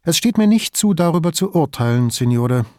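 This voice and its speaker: In this audiobook character voice, a man pitches his natural voice fairly high, above his own register, to play a young, eager, deferential police officer who speaks politely and modestly. The delivery is lively in intonation and normal in speed, a little mellow, with studio quality and no echo.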